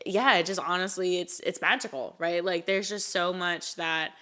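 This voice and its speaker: A woman's voice: lowish voice, normal speed, pushed and bright. A young woman co-hosting a podcast, chatting casually with lots of fillers and laughs. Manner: rambling, filler-heavy, laughs often. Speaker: podcast co-host. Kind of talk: casual chat.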